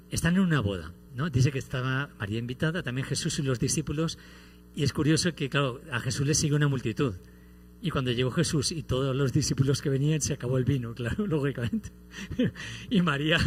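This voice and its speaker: A man's voice: fairly high pitch, a little hiss or hum. A man, a priest preaching a homily, telling stories with playful humor. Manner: animated storytelling with playful humor.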